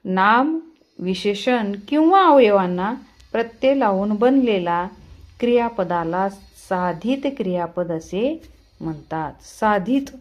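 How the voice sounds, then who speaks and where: A woman's voice: mid-range voice, muffled recording. A woman teaching a grammar lesson, explaining step by step and asking and answering her own questions.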